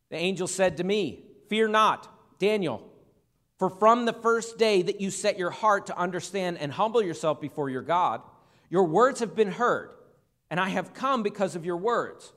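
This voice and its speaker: High-pitched guy preaching, chatty sermon with jokes thrown in, long hall echo. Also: fairly bright tone. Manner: conversational, with humorous asides to the congregation. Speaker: pastor. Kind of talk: sermon, Bible teaching. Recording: long reverb of a large hall.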